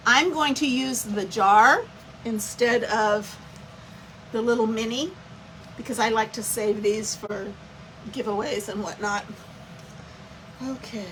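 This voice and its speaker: A woman's voice: high-pitched, a bit bright, a little hiss or hum, poor audio. Chatty woman teaching a craft live. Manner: chatty, greets viewers by name mid-demo. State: has the hiccups. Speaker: craft instructor.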